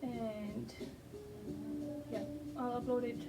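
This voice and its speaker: A woman with a fairly high voice speaks slowly and flatly from a distance over music, a non-native English speaker sketching on camera. Her casual, rambling vlog talk is hesitant and self-deprecating, with many ums.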